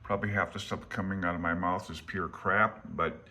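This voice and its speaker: The man has a deep, bright, forceful voice with a steady tone at a moderate pace. An amateur radio hobbyist and vlogger, he rambles casually about a book while paging through the handbook, plain-spoken and self-deprecating, speaking as a hobbyist rather than an expert.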